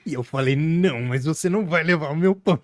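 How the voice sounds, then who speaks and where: A man's voice: fairly high pitch, fast talker, dry recording, studio quality. A man co-hosting a podcast, telling a jokey anecdote casually with laughter. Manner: joking, laughing anecdote teller. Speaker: podcast co-host. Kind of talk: casual chat.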